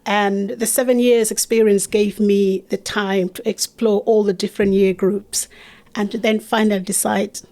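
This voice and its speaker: A woman's voice: medium pitch, little pitch movement, moderate pace, darkish tone. A middle-aged woman from Uganda, a guest in an interview, talking earnestly about teaching and her charity with frequent restarts. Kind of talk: conversational interview.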